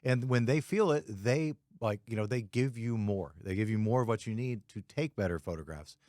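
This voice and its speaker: A man's voice: lowish voice, normal speed, a little mellow, dry recording, studio quality. A man hosting a podcast, chatting casually in a laid-back, rambling way full of fillers. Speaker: podcast host, photographer. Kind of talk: casual chat.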